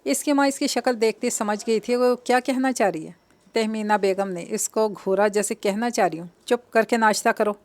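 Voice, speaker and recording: A woman narrating a romance novel aloud with a steady storytelling delivery. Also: mid-range voice.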